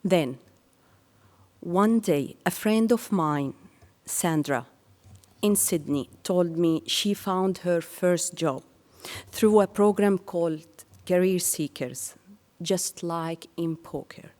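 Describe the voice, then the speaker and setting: A woman from Syria giving a prepared speech to an audience in measured, earnest phrases. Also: on the low side, a little mellow, long reverb tail. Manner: slow and measured, with earnest pauses. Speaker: speaker sharing her career story.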